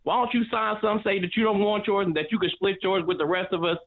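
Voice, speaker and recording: A man's voice: high voice, fairly even intonation, fast talker. A male caller speaking urgently and emphatically over a tinny phone line.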